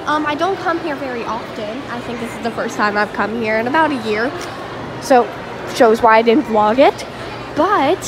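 A young woman with a high-pitched voice chats bubbly and casually to her viewers, filming a vlog on a handheld phone held at arm's length. She records in a car, a bedroom and a busy shopping mall, and the phone audio carries steady background noise.

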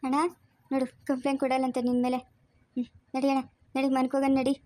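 A woman voicing a soft-hearted grandmother begging tearfully in a family cartoon. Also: sits high, monotone, quick pace, no room sound, clean studio sound, close to an everyday voice. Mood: pleading.

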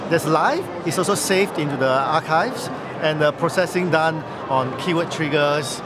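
A man, giving a brisk, persuasive product pitch at a trade show, filling gaps with "uh". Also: lively intonation, heavy background noise. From Singapore. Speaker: company tech chief giving a product demo. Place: busy indoor trade-show hall. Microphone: handheld camera mic held close. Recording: loud trade-show crowd. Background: loud crowd chatter.

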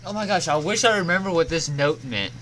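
A man's voice: a little high, fairly quick, poor audio. Joking man muttering over background noise. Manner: joking, muttering while reading notes. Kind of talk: casual home chat. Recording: home recording with steady background noise.

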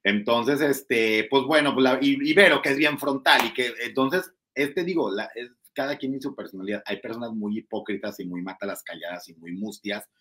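A man's voice: moderate pace, few pauses, a bit bright. Male host with a Mexican accent for celebrity gossip chat, talkative and mocking. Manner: chatty and gossipy, with lots of fillers; mimics others in a high, mocking voice. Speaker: entertainment show host. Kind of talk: casual gossip commentary.

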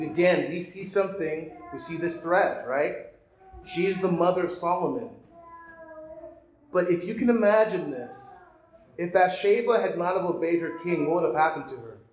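A man preaches a sermon in a large church, his fairly high voice carrying into a roomy echo with a faint hum of ambience behind it. He talks earnestly, leaning on rhetorical questions and repeated phrases. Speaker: priest.

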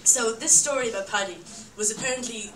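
A woman's voice: on the high side, fast, background noise. A young Irish woman telling a rambling story live, laughing often and breaking off into asides. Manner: rambling, laughing, self-interrupting with "like". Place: live storytelling night venue. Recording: echoey room, mic at a distance, audience heard. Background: audience.

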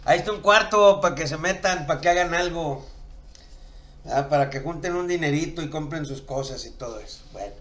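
A man's voice: on the high side, fairly quick, fairly bright tone, reverberant. A man with a Mexican Spanish accent doing a rambling, crude, slang-heavy comedy monologue. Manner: crude, slangy, rambling with chuckles at own jokes.

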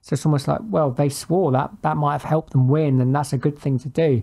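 Hesitant, mellow-voiced male podcast co-host. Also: on the high side, steady tone, brisk, gravelly. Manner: thoughtful, hesitant, self-correcting. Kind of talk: casual chat.

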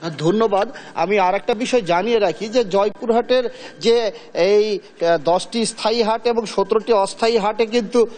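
A male field reporter speaking live from a cattle farm shed into a handheld mic, halting often with filler sounds. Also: high voice, darkish tone, big-room sound.

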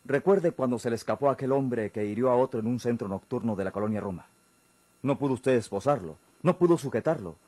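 A Mexican actor voices a stern police chief in a golden-age radio drama, blunt, authoritative, and dismissive, speaking formally and curtly. His mid-range voice is warm and natural, he talks fast, and there is no room sound.

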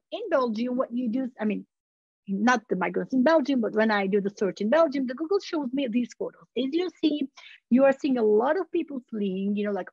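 A university researcher from Turkey gives an academic webinar lecture over a laptop video call, and the audio is muffled. Her voice is a little high, darkish, and husky in a dry recording. She talks casually, dropping many "you know, like" asides and correcting herself.

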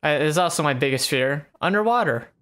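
A man's voice: on the high side, lively intonation, a bit bright. Rambling, laughing gamer man. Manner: rambling, laughing, drawn-out tangents. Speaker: let's play co-host, player. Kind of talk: casual gameplay chat.

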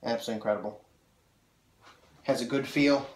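This young sword collector talks briskly in a steady, mid-range voice, slightly nasal from a cold, as he eagerly reviews a blade in loose, filler-heavy rambling. He's recorded indoors in a small room full of swords by a camera mic several feet off, giving a roomy echo.

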